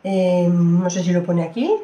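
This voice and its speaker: A woman's voice: lowish voice, unhurried, warm tone, echoey room. A woman doing a casual makeup review, chatty and exclamatory, often repeating her phrases. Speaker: beauty vlogger.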